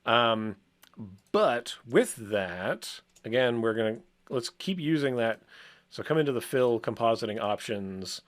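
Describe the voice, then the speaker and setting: A man co-hosting a casual design show, thinking aloud as he works, with frequent ums and soft chuckles. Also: medium pitch, expressive, measured pace. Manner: rambling, chuckles often, many ums. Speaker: co-host working in software.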